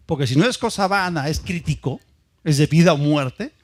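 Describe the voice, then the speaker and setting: A man's voice: a little high, normal speed. A man from Peru, a pastor preaching a sermon with emphatic repetition and questions to the congregation. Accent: Peruvian Spanish. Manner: emphatic, repeats ideas in lists, asks the congregation questions.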